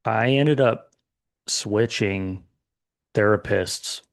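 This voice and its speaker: A middle-aged man co-hosting a casual chat, talking slowly and thoughtfully with many restarts. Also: on the low side, no echo, clean studio sound. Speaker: podcast co-host.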